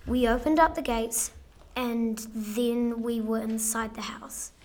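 A woman's voice: fairly high pitch, slow pace, darkish tone. A woman playing a young witness who snaps back while retelling a spooky event. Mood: defensive.

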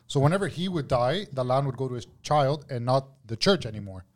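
A man's voice: medium pitch, lively intonation, brisk. A man explaining things in casual chat, slangy and often searching for his words.

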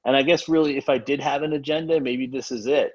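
A man's voice: mid-range voice, fairly even intonation, fast talker, highs cut off. A man who grew up in Haiti, talking earnestly as a podcast guest about faith and generosity, full of fillers and restarts. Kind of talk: casual faith conversation.

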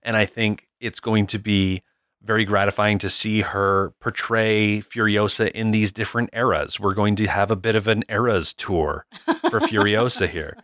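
A podcast co-host in casual chat, talking about a film trailer in a relaxed, rambling way. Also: low-pitched, moderate pace, no echo, studio quality.

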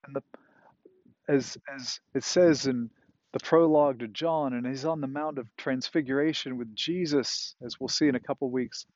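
A man's voice: mid-range voice, steady tone, normal speed, darkish tone, dry recording, highs cut off. A man preaching a sermon in a conversational way, with fillers and emphatic repetition. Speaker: pastor.

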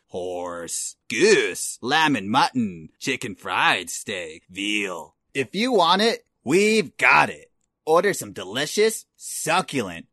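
A man acts as a macabre diner pitchman in a parody radio ad. His forceful, dry-recorded voice leaps all over the place. Delivery is theatrical and punchy. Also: dry recording, exaggerated voice.

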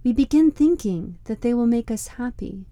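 A woman speaks as a reflective guide, with a fairly high but relaxed, warm-toned voice. Her delivery is scripted, deliberate and contemplative. The sound is very dry, with no room around the voice. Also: dry recording. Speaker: podcast host and meditation guide.

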